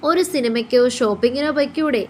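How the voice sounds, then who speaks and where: A woman's voice: high voice, quick pace, a little hiss or hum, lightly acted. A woman reading the lines of a caring mother who insists. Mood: urging.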